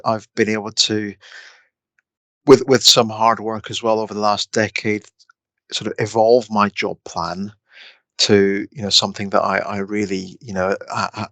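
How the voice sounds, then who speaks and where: A middle-aged man speaks in a bright, fairly low voice, stumbling over restarts as he answers questions. His delivery stays flat and even. The recording is dry and close. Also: dry recording. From Scotland. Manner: hesitant, many restarts and fillers. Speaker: guest, respiratory consultant. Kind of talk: casual interview answers.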